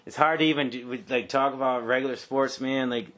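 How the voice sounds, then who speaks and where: A man of forty hosts a casual podcast interview, talking loosely and effusively. He keeps adding "man" to his lines and sounds like a relaxed regular guy. His voice sits at an ordinary middle pitch. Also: a little fast. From Detroit area, United States. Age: 40s. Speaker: podcast host.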